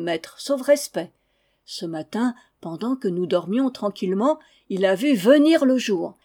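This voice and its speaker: A woman reading aloud and voicing an excited rustic farmhand, speaking in a raised, eager voice. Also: a little high, voice pushed up. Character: excited farmhand, grown man, rustic and talkative.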